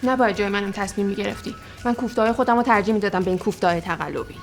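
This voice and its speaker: An actress playing a sulky, stubborn young daughter who refuses to lie. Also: female voice, mid-range voice, faint music behind, natural voice.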